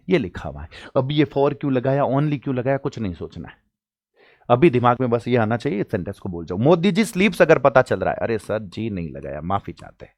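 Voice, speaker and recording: Animated man teaching English. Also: mid-range voice, no room sound, clean studio sound. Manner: animated, acts out students' questions and answers himself. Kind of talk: exam-prep English lesson.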